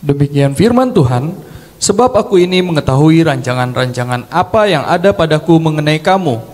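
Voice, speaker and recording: A man's voice: a little high, expressive, a little mellow. Solemn male scripture reader, echoing church. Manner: slow, measured, solemn. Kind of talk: formal scripture reading. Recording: distant mic in an echoing church.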